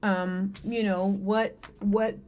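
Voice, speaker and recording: A woman with a Southern accent talks earnestly in a casual podcast chat, rambling and restarting as she goes. Her voice sits at a middle pitch for a woman. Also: level tone, slow pace, darkish tone, lo-fi sound, slight background noise.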